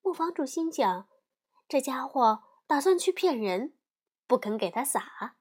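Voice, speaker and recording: A woman storyteller host narrating a fairy tale as a gentle bedtime story for children. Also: sits high, sing-song, a little slow, husky. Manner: gentle, addresses child listener.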